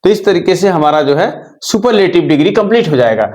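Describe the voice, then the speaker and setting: A man teaches English grammar in a patient classroom style. His voice sits a little high for a man. He repeats each rule several times and keeps checking in with his listeners. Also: very animated, fairly quick, a little mellow. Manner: repetitive, checks in with "ठीक है" and rhetorical questions. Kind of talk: classroom lesson explaining grammar.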